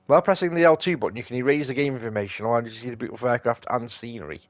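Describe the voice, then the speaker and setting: Racing along in a medium-pitched voice, this gaming host rambles through explanations of play and reads the tutorial text out loud. Light game music plays in the background.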